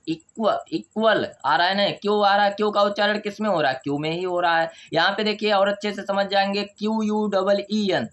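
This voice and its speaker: A male teacher giving a video lesson on pronunciation. He asks a question, answers it himself, and spells letters out slowly before saying each word. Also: fairly high pitch, a bit bright. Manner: drills by asking questions and answering them himself. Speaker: English teacher.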